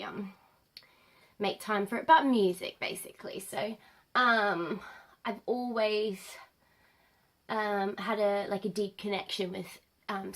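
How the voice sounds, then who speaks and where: A woman in her late twenties, nasal from a cold, chatting to camera as a vlogger, rambling with many pauses and ums. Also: medium pitch, fairly bright tone. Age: late 20s. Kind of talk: casual chat to camera.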